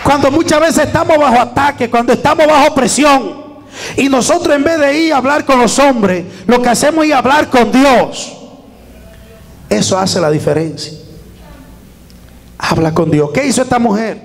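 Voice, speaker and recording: A male pastor with a high-pitched voice preaching fervently to a congregation, calling out for amens and applause. His words ring through a church hall with a long, lingering reverb that trails after each phrase. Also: moderate pace. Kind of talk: sermon.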